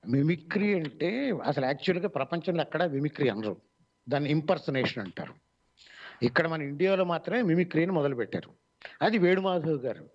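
Telugu accent guy explaining stuff slowly on online radio, lots of pauses and fillers, bit high voice, muffled lo-fi sound. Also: lively intonation. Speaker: mimicry artist guest. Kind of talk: radio interview answers. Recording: dull lo-fi online radio audio.

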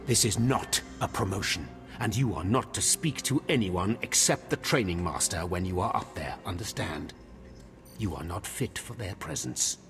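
A man's voice: deep voice, animated, normal speed, vocal fry, over music. An actor playing a harsh, contemptuous male Sith overseer in a video game, giving cold commands. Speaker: academy overseer.

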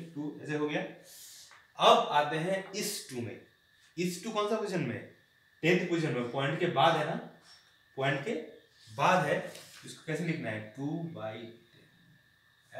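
A man's voice: fairly high pitch, fairly bright tone. A man teaching a maths class, explaining step by step and checking often whether the students have understood. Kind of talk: classroom lesson. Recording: echoey room, far from the mic.

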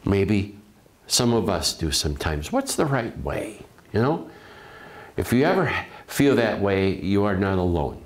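A man speaking as a priest at a funeral, giving a gentle, reflective homily with some restarts. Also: on the low side, very animated, a little slow.

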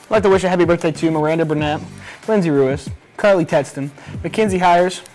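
A man's voice: on the high side, quick pace, a little mellow, faint music behind. A teenage young man co-hosting student news, reading school announcements with casual, folksy asides. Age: teens. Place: small school video studio, seated at desk.

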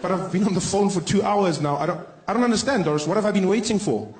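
A man's voice: sits high, expressive, quick pace. A male comedian playing a hesitant, stammering man with a South African accent, a polite but frustrated customer on the phone. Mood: exasperated. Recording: echoey live venue with noise.

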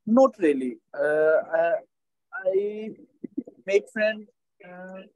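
A Pakistani-accented man with a fairly high, mellow voice gives spoken test answers. He goes slowly and hesitantly, groping through non-native English, in a dry close recording. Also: no echo, rough recording. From Lahore, Pakistan. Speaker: language test candidate.

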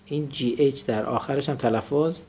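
Man teaching a lively vocabulary class. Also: medium pitch, slight background noise. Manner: explains grammar and drills students to repeat phrases. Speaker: English teacher.

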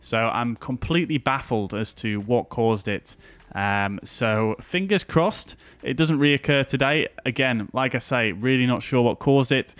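A man's voice: mid-range voice, a little slow, fairly bright tone, clear, resonant tone, no room sound. Man chatting on a livestream headset mic. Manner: chatty, greets viewers by name, frequent uh fillers. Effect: livestream headset mic audio. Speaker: flight sim streamer. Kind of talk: casual livestream chat.

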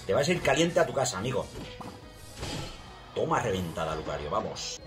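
Excitable Spanish man calling a video game. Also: lowish voice, fairly quick. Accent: Spain. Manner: excitable, cheering and yelling at the game. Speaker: gaming channel host. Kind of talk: excited gameplay commentary. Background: game music.

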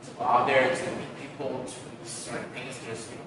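In a podcast studio with a graffiti wall, a young man who works as an actor chats casually with the host, telling loose, rambling stories full of fillers at a fairly quick pace. A headset mic is visible, but the far-off camera captures a distant, echoey, noisy sound with crowd noise mixed in.

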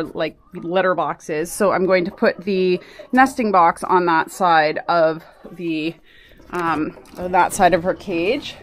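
A woman vlogging casually on her homestead, explaining her rabbit care as she goes and dropping to a soft hush near the animals. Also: fairly low pitch, slight background noise. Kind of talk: casual vlog chat.

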